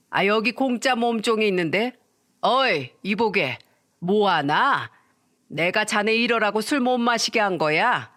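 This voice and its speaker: A woman voicing a drunk, spiteful middle-aged mother who hurls contemptuous insults. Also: a little high. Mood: mocking. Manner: taunting, contemptuous, yelling.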